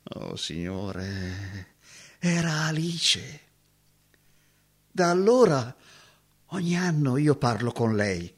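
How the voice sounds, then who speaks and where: An actor playing a heartbroken former woodsman, moving from hushed remembering to anguished cries. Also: fairly high pitch, lively intonation, slow, pauses often, husky, full character voice. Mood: mournful. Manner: emotional, swinging from hushed recollection to anguished cries. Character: heartbroken former woodsman haunted by lost love. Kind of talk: dramatic acting.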